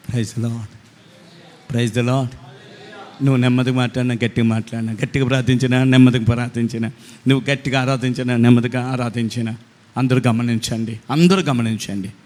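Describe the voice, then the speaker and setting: A man preaching a sermon as pastor, swinging from quiet asides to shouted refrains. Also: medium pitch, long reverb tail.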